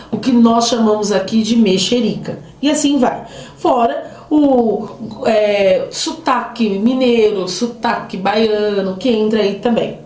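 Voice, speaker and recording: A woman's voice: fairly high pitch, a little mellow. A middle-aged woman teacher with a Southeastern Brazilian accent, giving a grammar review lesson and explaining with frequent hesitation fillers. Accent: Southeastern Brazilian Portuguese. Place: roomy space near a street, where a passing motorbike is heard. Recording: echoey amateur room recording.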